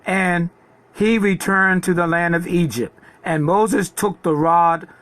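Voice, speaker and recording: A man reading scripture slowly and haltingly, then retelling it in casual, conversational preaching. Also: sits high, a bit bright, no room sound. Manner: reads slowly with halting repeats, then paraphrases God in casual speech. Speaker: Bible teacher. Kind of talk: scripture reading with sermon commentary.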